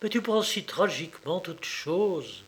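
A man reading an audiobook, voicing a distraught baroness who pleads through tears, lifting his voice higher for her. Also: big pitch swings, a little slow. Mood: anxious. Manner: pleading, tearful. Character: distraught emotional woman, a wealthy baroness.

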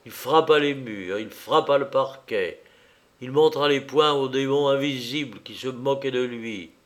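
A man narrating a novel as an audiobook in a measured, dramatic way. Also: mid-range voice, a bit bright.

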